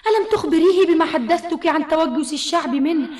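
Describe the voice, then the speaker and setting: A woman's voice: very high voice, fast, darkish tone. A woman playing a proud field mistress in a radio drama, formal, declamatory and probing. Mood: insistent. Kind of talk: Arabic religious radio drama acting.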